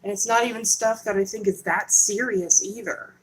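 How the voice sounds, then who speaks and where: A livestream host speaks in a steady, mid-range voice at a moderate pace, recorded at low quality. Talking casually from her Texas home into a camera on a holder, she rambles conspiratorially, chatting away and cutting herself off.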